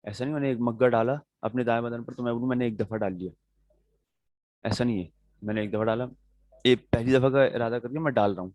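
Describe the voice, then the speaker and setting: A man's voice: medium pitch, fairly even intonation, a little mellow, dry recording, rough recording. A male religious teacher giving a classroom lecture on religious rulings. He explains step by step, answers his students' questions directly and keeps checking that they follow.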